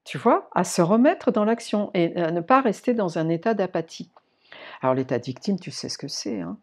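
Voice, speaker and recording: A woman's voice: fairly low pitch, lively intonation, normal speed, darkish tone. A woman hosting a personal-growth podcast, talking straight to the listener in an informal, searching way with many fillers and restarts. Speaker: podcast host. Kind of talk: reflective personal-growth talk.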